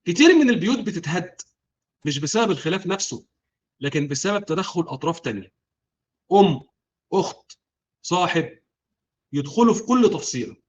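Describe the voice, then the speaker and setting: Egyptian man, somewhat high voice, earnest scripted preaching to listeners, a little muffled. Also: big pitch swings, brisk, long pauses. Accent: Egyptian Arabic. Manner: earnest, addresses the audience directly. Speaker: religious advice presenter.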